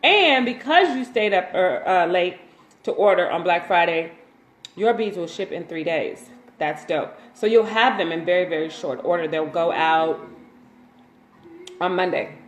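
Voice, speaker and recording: A woman's voice: on the low side, measured pace. A woman chats casually on a livestream, greeting viewers by name and reading their comments aloud. She talks in a loose, informal way. Her voice carries a roomy echo over a faint background hum. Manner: relaxed and informal, frequent ums and slang. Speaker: waist bead maker and seller, livestream host.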